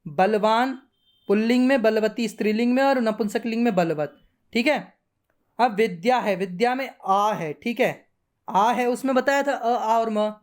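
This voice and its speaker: Woman teacher, fairly high voice, patient and repetitive, checking in as she explains. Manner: patient, repeats forms, frequent checking 'theek hai'. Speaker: Sanskrit grammar teacher. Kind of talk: classroom lesson.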